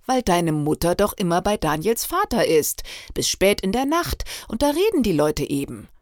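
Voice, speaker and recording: A woman's voice: medium pitch, big pitch swings, moderate pace, darkish tone, no echo, clean studio sound, voice pushed up, natural voice. A woman voicing a snide, gossiping thirteen-year-old girl in an audiobook reading, with a mocking, sly manner.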